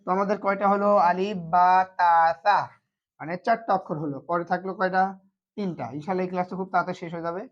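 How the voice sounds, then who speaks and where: A Quran teacher walks viewers through Arabic letters in an online lesson. The teacher repeats each point, asks a quick question and then answers it, and keeps checking in. The sound is dull and lo-fi, with medium pitch. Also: steady tone. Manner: patient, repetitive, asks and answers its own questions. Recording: dull lo-fi recording.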